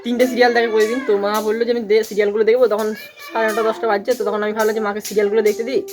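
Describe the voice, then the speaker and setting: Fast-chattering young vlogger over background music. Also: mid-range voice, flat delivery. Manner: rapid, chatty, with frequent restarts. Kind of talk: casual vlog talk to viewers.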